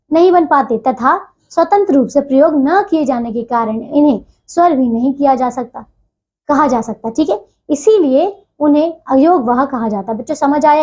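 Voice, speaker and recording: A woman teaching a grammar lesson to children, slowing down to spell out each sound and checking in again and again. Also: sits high, a little mellow. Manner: repeats "ठीक है" as a check-in, slows to spell out sounds. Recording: dull lo-fi audio.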